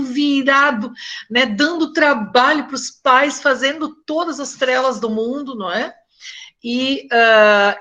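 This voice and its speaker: A woman's voice: fairly high pitch, pushed and bright. Older Brazilian woman with a chatty talk. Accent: Northeastern Brazilian. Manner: conversational, tells stories, often asks "né?" and addresses the group as "gente". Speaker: psychologist. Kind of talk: talk to a support group.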